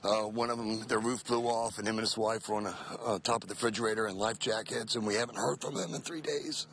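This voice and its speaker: A man who survived a hurricane, speaking haltingly in a spontaneous, emotional interview outdoors. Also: fairly low pitch, steady tone. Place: outdoors in storm-damaged town. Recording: noisy outdoor field recording.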